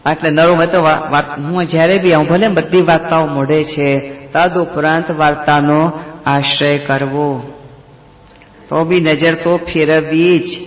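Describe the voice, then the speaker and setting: Man, devotional story sermon, rhetorical questions, fairly high voice, long hall reverb. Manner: retells scripture stories, explains them, asks rhetorical questions.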